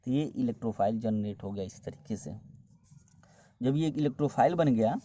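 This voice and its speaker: A man teaching a chemistry lesson, explaining each step slowly and repeating key terms as he goes. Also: medium pitch, animated, dark tone. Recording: dull, dry lo-fi recording.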